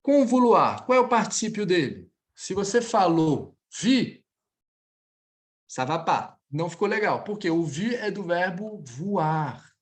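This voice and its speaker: A man with a Brazilian accent teaching French, stretching out each model phrase slowly before explaining it quickly. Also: sits high, big pitch swings. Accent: Brazilian Portuguese. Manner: slow, drawn-out model pronunciation between quick explanations. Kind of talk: online language lesson.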